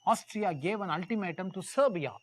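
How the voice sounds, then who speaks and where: Speaking in a high-pitched, animated voice at a fairly quick pace, a male teacher with an Indian accent delivers a live history lecture as a dramatized story. He stresses key phrases by repeating them and puts questions to his students.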